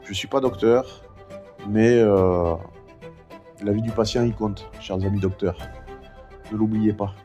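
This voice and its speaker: A middle-aged man talking casually in a vlog, rambling and chatty with many fillers; one vocal cord is impaired, so he has no high head voice. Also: steady tone, unhurried, pauses often, dark tone, faint music behind. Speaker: vlogger recounting his cancer.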